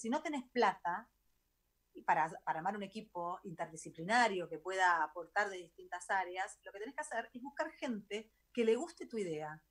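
A middle-aged woman with a Rioplatense Spanish accent, a guest telling her story in a chatty, animated radio interview. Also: mid-range voice. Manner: animated, chatty, laughs easily. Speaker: guest, travel author. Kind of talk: casual interview talk.

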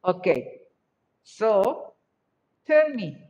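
A female teacher with a Mexican accent speaks slowly and patiently, coaxing her students to answer in English. Her voice is mid-pitched and comes through muffled, dull video call audio. She echoes each answer back in a measured, encouraging way. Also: animated, darkish tone. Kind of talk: online class, mixing Spanish and English.

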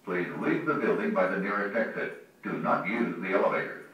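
A man calmly repeating a recorded security alert, heard over a building intercom. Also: low-pitched, lo-fi sound. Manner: calm, measured, repetitive. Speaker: building announcement. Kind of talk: recorded looping alarm announcement. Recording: echoey loudspeaker heard from far off.

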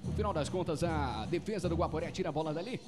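Brazilian guy calling a football match, chatty, repeats himself, high voice, music in the back. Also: fast talker, a loud crowd. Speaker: football play-by-play commentator. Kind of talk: live match commentary.

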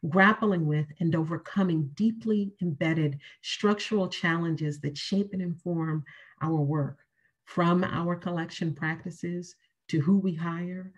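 A middle-aged woman with a husky, slightly low voice delivers a prepared keynote lecture. She speaks in a measured way, leaning on repeated key phrases for emphasis. She is heard through a webcam on a video call from a room at home. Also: a little mellow.

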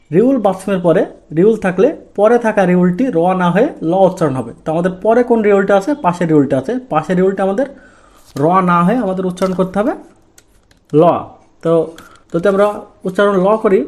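Teacher, male, high voice; walks through sounds one by one, quizzing and answering himself. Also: darkish tone. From Bangladesh. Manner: asks the class questions and answers them himself; drawn-out, deliberate stress on key sounds. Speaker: Korean language teacher. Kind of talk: step-by-step pronunciation lesson.

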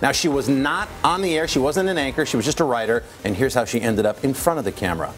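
A man hosting a TV show, presenting in a brisk and upbeat way. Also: medium pitch, expressive, slight background noise. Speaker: tv show host. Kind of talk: broadcast presenting.

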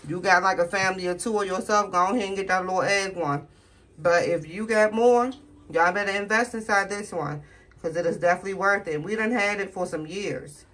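A home cooking vlogger chats casually with her viewers in her kitchen while filming on her phone, and the audio is poor. Her medium-pitched, slightly bright voice moves briskly. She's folksy and talkative, addressing everyone as "y'all."

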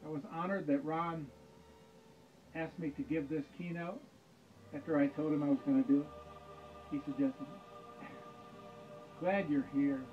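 A middle-aged man giving a joking keynote speech in a dim home planetarium room, dry and deadpan, speaking into a stand mic. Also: a little high, unhurried, pauses often, narrow, tinny audio, soft background music. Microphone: stand mic, camera in front.

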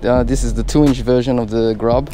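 An Australian man giving chatty, excitable commentary while fishing from a small boat on a river, recorded on an action camera. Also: medium pitch, brisk, faint music behind, low-quality recording. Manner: chatty and excitable, laughs often. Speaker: fishing vlogger.

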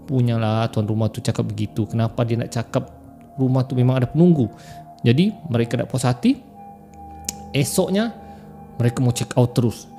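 A man tells horror stories in a relaxed, conversational way and often turns to his listeners. His voice is mellow and dark. Faint music plays underneath. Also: medium pitch, fairly quick, long pauses. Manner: chatty, addresses listeners as guys. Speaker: horror story podcaster. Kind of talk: casual horror storytelling.

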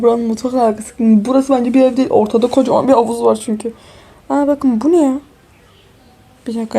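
A young woman with a warm, slightly high voice sounds tired as she plays a life-sim game. In casual walkthrough commentary as a gaming YouTuber, she exclaims often and talks to her viewers like friends.

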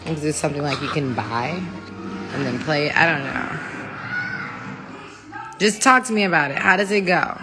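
A woman's voice: deep voice, moderate pace, pauses often, over music. A woman in her thirties chatting casually on a phone livestream from her home kitchen, rambling and laughing easily. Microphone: phone held close.

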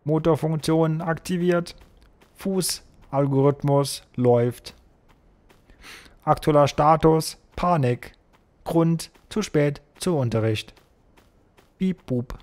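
A man's voice: on the high side, slow, pauses often, a little mellow. A man putting on a stiff robot voice while playing a game, announcing his status in clipped phrases and saying beep boop. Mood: mock-mechanical. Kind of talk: let's play commentary.

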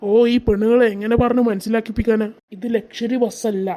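Brief: voice actor as exasperated cartoon husband, mellow dark tone. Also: male voice, sits high, fairly even intonation, brisk, natural voice. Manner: exasperated, grumbling, sarcastic. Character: exasperated middle-aged husband, Moosakka. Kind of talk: cartoon voice acting.

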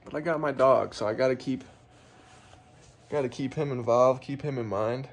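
A young man casually walking through his camping gear in a home basement, talking to a handheld phone camera in a relaxed, chatty way. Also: medium pitch, moderate pace. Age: young adult. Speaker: outdoor gear vlogger. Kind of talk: casual vlog walkthrough. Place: home basement room, indoors. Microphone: phone camera held close.

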